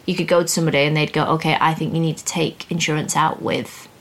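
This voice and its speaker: Speaking at a quick pace with a low-pitched, level tone, a young podcast host walks listeners through finance exam topics. Her manner is plain, chatty, and upbeat.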